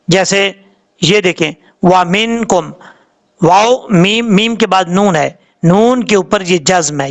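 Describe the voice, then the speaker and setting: A man with a high-pitched voice giving a recitation lesson. He explains patiently, step by step, repeating letters and rules. He slows right down and stretches each word when he demonstrates it. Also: fairly bright tone. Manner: slowly draws out sounds when demonstrating words. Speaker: Quran recitation teacher.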